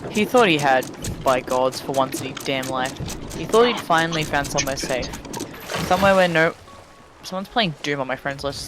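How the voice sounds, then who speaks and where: Through a voice chat microphone, a man with a fairly high voice reads a fan fiction story dramatically, breaking off into casual, sweary asides with friends. There's background noise.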